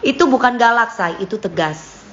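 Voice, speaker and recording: A woman in casual chat with her followers, speaking bluntly, giving examples and lecturing, at times dropping to a quiet voice. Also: a little high, expressive, moderate pace, muffled recording, a little hiss or hum. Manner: blunt, lecturing, gives examples, drifts between topics. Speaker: singer talking to her followers. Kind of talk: casual live-stream chat.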